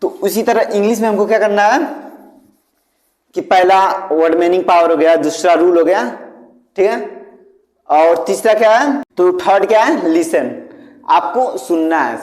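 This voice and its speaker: A man's voice: on the high side, a little mellow. A man from India teaching spoken English in a casual lesson, explaining with homely examples and checking in often with the class. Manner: explains with homely examples and repeated "theek hai". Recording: echoey room with long reverb.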